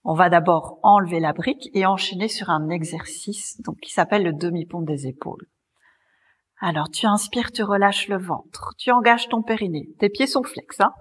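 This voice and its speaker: A woman yoga teacher leading a class, calmly guiding breath and movement in a soft, breathy voice. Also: fairly low pitch, normal speed, in a large hall. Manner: calm, gently guiding, cueing breath and movement. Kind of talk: guided yoga class instruction. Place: yoga studio.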